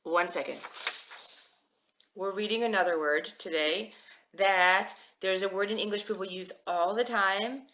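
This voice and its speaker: A woman's voice: medium pitch, measured pace, sharp tone, a little hiss or hum. A woman teaching a live-streamed Hebrew reading class, upbeat and encouraging, greeting viewers by name as she walks through letters and words. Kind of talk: live-streamed language lesson. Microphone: phone live stream.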